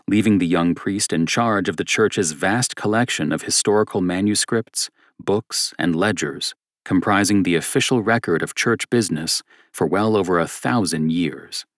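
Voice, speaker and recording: A man narrating an audiobook novel in a steady, measured reading style. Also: deep voice, no room sound, clean studio sound.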